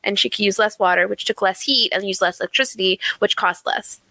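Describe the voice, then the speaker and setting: A woman's voice: medium pitch, steady tone, fairly quick, sharp tone, dry recording, low-quality recording. A woman co-hosting a podcast, chatting casually, laughing often and swearing freely. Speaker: podcast co-host. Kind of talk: casual chat.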